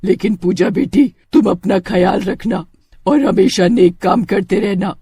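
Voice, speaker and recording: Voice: mid-range voice, fairly even intonation, measured pace, mellow, husky, dry recording. Narrator doing a cackling cartoon witch, vengeful and menacing, dry close sound. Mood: gentle.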